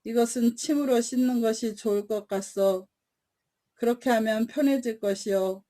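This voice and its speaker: A woman voicing a wise, gentle old rabbi. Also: a little high, normal speed, close to an everyday voice. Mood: calm. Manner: calm, formal and old-fashioned.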